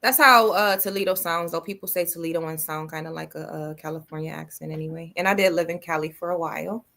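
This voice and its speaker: A woman's voice: low-pitched, fairly even intonation, fast talker, vocal fry, a bit bright. A woman hosting a podcast in loose, playful chat, slangy and swearing freely. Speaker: podcast host.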